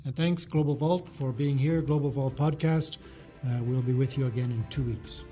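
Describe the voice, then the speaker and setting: A man's voice: mid-range voice, fairly even intonation, moderate pace, warm tone, faint music behind. A man hosting a casual interview podcast in an informal, meandering way. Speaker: podcast host.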